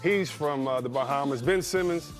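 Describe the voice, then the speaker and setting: A man's voice: medium pitch, normal speed, soft background music. A man hosting a sports talk show, joking and teasing his co-hosts and laughing often. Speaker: studio host. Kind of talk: casual sports chat.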